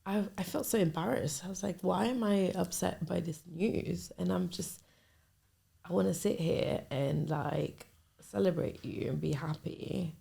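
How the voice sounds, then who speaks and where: A woman's voice: fairly low pitch, unhurried, vocal fry, mellow, slightly rough. A woman in her twenties hosting a podcast, telling a personal story in a candid, hesitant way, often trailing off and restarting. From Nigerian family. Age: 20s. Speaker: podcast host. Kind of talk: personal storytelling, casual confessional.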